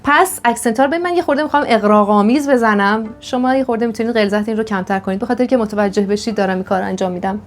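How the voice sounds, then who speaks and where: A woman with a somewhat high voice explains violin technique step by step. She is patient and methodical, pausing on fillers as she thinks. A violin plays between her explanations. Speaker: violin teacher. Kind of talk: instructional explanation. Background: violin playing.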